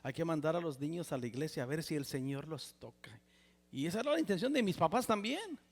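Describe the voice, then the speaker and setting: Mexican pastor, 60s, high voice, emotional testimony, loud then almost whispering, long echo in the church. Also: male voice, expressive, quick pace. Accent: Mexican Spanish. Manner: emotional, swings from loud exclamations to near whispers. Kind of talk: personal testimony sermon. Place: church sanctuary. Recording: reverberant church hall.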